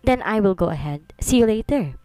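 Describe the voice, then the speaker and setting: A woman voicing a tender, apologetic young male CEO in a storybook romance, speaking slow and soft, with faint music behind. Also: mid-range voice, lively intonation, smooth, natural voice. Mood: pleading tender.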